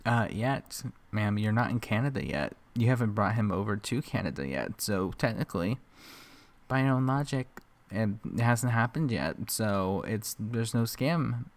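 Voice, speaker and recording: A man's voice: lowish voice, animated, unhurried. Sarcastic man reacting with teasing jabs. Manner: sarcastic, teasing, laughs often. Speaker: reaction commentator. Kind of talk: casual reaction commentary.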